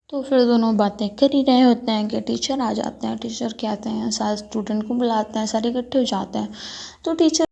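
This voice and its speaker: A woman telling a story in a quick, chatty way, stringing events together loosely. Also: fairly high pitch, gravelly, mellow. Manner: quick, chatty retelling with frequent "to" connectors. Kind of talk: casual spoken storytelling.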